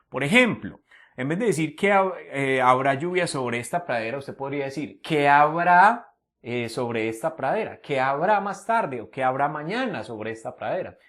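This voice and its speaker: A man teaching an English grammar lesson, explaining step by step and repeating example sentences slowly. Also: medium pitch. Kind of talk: classroom-style grammar lesson.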